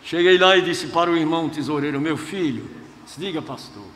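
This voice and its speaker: A male pastor preaching a sermon, telling stories from his own life and swinging between hushed tones and rousing shouts. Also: a little high, a little fast. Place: large church hall. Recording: long hall reverb, faint noise.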